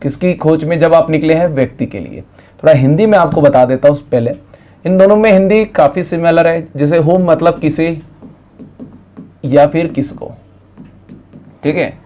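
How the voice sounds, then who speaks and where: A man with an Indian accent teaching an English grammar lesson in class. He explains things quickly and then says the English sentences slowly and clearly. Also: a little high, mellow. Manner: speaks directly to the students and prompts them to translate.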